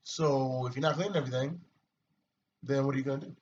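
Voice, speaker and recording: Brief: a male soldier, casual and profane storyteller, average pitch, dull distant recording. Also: fast talker. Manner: rambling, profane and animated. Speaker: soldier vlogger. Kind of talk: casual chat. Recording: distant, muffled mic with light hiss.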